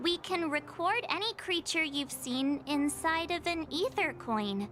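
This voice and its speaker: A cheerful young adventuring companion in a video game, eager and quick to cheer. Her voice sits high and bright, with lively swoops in pitch and slow, drawn-out phrasing. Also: slight background noise, exaggerated voice.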